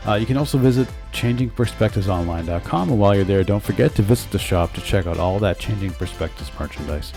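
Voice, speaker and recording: Gravelly low-voiced male podcast co-host. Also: fast talker, hardly any pauses, warm tone, faint music behind. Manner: earnest, argues his point, reads plugs upbeat. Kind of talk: casual chat with partner. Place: home room with sleeping dogs.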